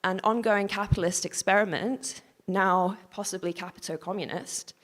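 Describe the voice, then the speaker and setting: A woman reading a prepared conference lecture in a measured, formal way, pausing now and then to correct herself. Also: medium pitch, steady tone, a bit bright. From Hong Kong. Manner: measured, formal reading with occasional restarts and apologies. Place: conference hall. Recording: long hall reverb.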